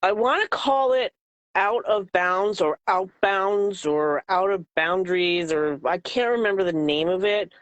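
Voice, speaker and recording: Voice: medium pitch, measured pace, fairly bright tone, no room sound, lo-fi sound. A podcast co-host in casual chat, talking easily while snacking and laughing often.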